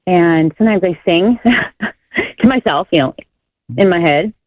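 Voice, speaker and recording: A woman's voice: lowish voice, animated, unhurried, dry recording. A woman from Michigan calling in to a radio show over the phone, talking casually and hesitantly with many ums. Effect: caller heard over a phone line. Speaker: caller. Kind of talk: casual call-in chat. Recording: dull lo-fi phone line.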